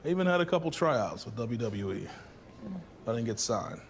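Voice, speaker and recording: An actor playing a confident, smooth-talking male wrestler hopeful in a film, with a boastful, laid-back delivery. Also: medium pitch, very animated, moderate pace, a little hiss or hum. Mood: determined.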